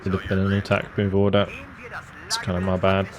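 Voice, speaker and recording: A man with a low voice commentates casually over a war strategy game. He thinks aloud as he makes tactical calls, with clear vehicle and battle noise running behind him. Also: monotone, a little fast. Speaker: gaming video host.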